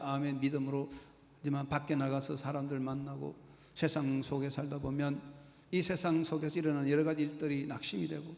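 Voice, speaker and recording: Gravelly-voiced pastor preaching in a reverberant hall. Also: male voice, a little high, darkish tone. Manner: preaching with dramatic acted quotes and rhetorical questions. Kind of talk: sermon.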